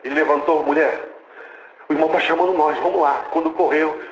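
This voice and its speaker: A man's voice: a little high, fairly quick, echoey room, slight background noise, low-quality recording. A Brazilian man preaching a testimony, telling the story with animation and acting out the dialogue. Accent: Brazilian Portuguese. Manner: animated storytelling, acts out dialogue, exclaims praise.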